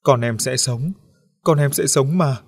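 A man's voice: mid-range voice, measured pace, vocal fry, slightly rough, pitched above the performer's own voice. A man voicing a desperate young mother who pleads through sobs in a story reading. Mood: dazed.

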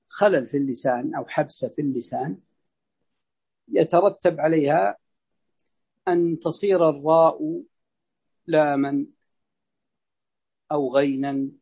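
High-voiced husky male religious teacher. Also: dark tone. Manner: measured, demonstrates pronunciations aloud. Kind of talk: explaining a legal text in a lesson.

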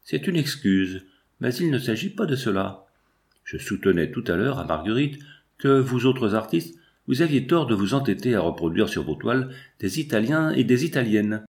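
A man's voice: mid-range voice, very animated, moderate pace, darkish tone. A man reading the lines of an opinionated, pompous bourgeois father in an audiobook, speaking emphatically. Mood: emphatic.

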